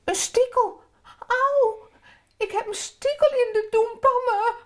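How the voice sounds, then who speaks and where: A woman with a Drents accent voicing a small, whiny gnome boy who cries out in high wails. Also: expressive, slow pace, full character voice. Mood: wailing.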